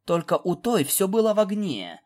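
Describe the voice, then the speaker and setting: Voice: mid-range voice, sing-song, normal speed, darkish tone, voice pushed up, natural voice. A narrator voicing a dry, teasing pony princess of the night. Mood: wry. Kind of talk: fan audiobook voicing.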